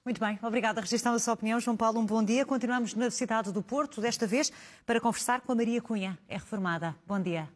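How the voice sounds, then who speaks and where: A woman anchoring a live TV news programme, introducing callers in a brisk, polished way. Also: a little high.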